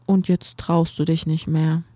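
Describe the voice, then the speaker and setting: A woman voicing a gruff, disapproving old male shopkeeper who questions a boy sternly in an audiobook. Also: low voice, flat delivery, unhurried, dark tone, no room sound, studio quality. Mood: stern, probing. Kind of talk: audiobook character voice.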